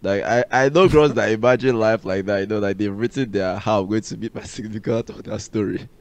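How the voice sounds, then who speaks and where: Fast-talking low-voiced male podcast host. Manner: animated, laughs often, frank. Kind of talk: casual chat.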